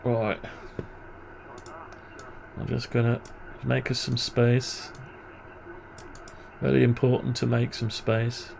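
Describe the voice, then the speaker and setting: A man with a gravelly, creaky voice talks himself through a programming task, half-muttering and tossing in wry grumbles. He speaks at an average pitch, and a steady hiss of background noise runs under the recording. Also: slow, long pauses. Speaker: programming tutorial presenter. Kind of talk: thinking aloud while working on screen.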